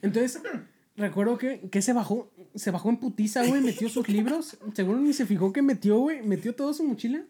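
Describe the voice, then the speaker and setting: A woman's voice: a little high, fairly quick, dark tone, breathy edge. A young woman with a Mexican accent, telling a funny story in slangy casual chat on a podcast and laughing often. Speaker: podcast host.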